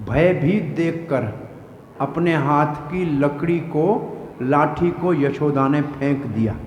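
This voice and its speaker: A man's voice: sits high, lo-fi sound. A man giving a devotional scripture discourse as a preacher, telling the story vividly, acting out its scenes and explaining the verses. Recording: echoey hall with faint noise.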